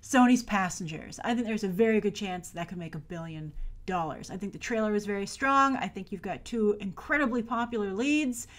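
Speaking to camera in a medium-pitched voice, this American movie news show host in her thirties talks box office in a chatty style. She's emphatic, stressing and stretching out her words.

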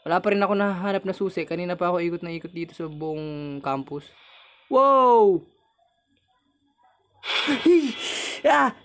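A man's voice: fairly high pitch, level tone, rapid-fire. A young man with a Filipino accent giving casual commentary while playing a horror game, chatting with viewers and yelping when startled.

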